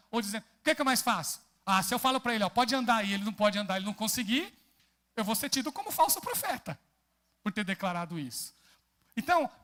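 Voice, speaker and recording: A man with a Brazilian Portuguese accent preaches in a church, his voice rising and falling widely across a fairly high middle pitch. He keeps turning to the congregation with questions as he explains the text. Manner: animated, often asks the congregation questions. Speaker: pastor. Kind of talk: expository sermon.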